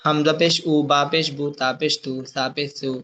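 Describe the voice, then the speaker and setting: A young man teaching Quranic letter sounds in a recorded lesson, reciting each sound slowly and deliberately, repeating drills and quizzing the class. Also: on the high side, flat delivery, bright, forceful tone.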